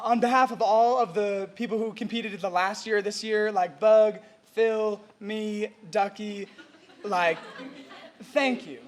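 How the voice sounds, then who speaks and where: Very high-voiced young man, choked up. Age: young adult. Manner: choked up, rambling with many "like"s. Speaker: college cheerleader giving a speech. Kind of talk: heartfelt ceremony speech.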